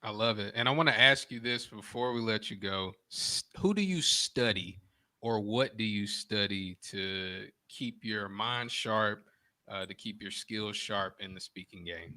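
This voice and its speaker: A male interview host with a bright, sharp voice. He talks in an upbeat, joking way and praises his guest. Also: lowish voice, unhurried. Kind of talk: casual interview chat.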